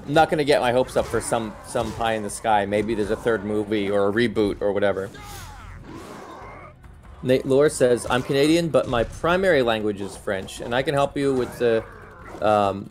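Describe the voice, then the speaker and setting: Responding to viewer comments, a middle-aged host of a live stream chats casually and voices his opinions, with background music playing. He speaks at a moderate pace in a lowish voice.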